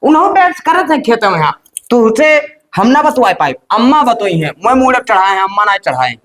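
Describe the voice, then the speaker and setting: A man's voice: very high-pitched, sing-song, brisk, a bit bright, exaggerated voice. A man with an Awadhi accent playing an overworked young village man in a comedy skit, grumbling and scolding in dialect. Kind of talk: rustic comedy skit acting.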